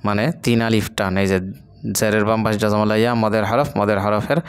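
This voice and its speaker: Male recitation teacher from Bangladesh, patient and repetitive, low smooth clear voice. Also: flat delivery. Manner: patient, repeats syllables slowly, drawls long vowels. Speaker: Quran reading teacher. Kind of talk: step-by-step recitation lesson.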